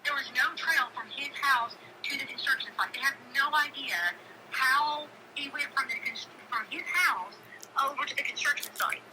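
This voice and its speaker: Over a noisy phone line, a middle-aged woman, a local neighbor, chats casually yet emphatically, pressing her points by repeating phrases. She speaks in a high voice at a moderate pace.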